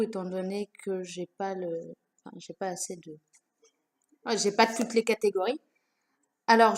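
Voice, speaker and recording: In a room at home, a young woman with a slightly high, darkish voice chats informally to camera about her books. She leans on lots of fillers and corrects herself often as she goes.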